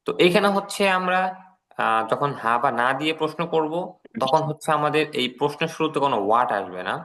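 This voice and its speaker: A man's voice: on the high side, lively intonation, brisk, fairly bright tone, a little hiss or hum. A man with a Bangladeshi Bengali accent teaching an English class, patiently repeating each word and translating it. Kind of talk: online class lecture.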